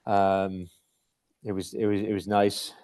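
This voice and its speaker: A man chatting casually as a hockey-playing guest, haltingly, often repeating words before he finishes. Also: on the low side, flat delivery, a little mellow. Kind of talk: casual chat.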